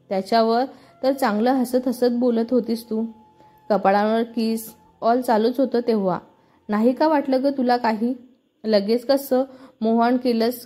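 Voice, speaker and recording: A woman's voice: fairly high pitch, dark tone, natural voice. A woman reading the lines of a brash, teasing young male college student in a storybook. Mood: angry.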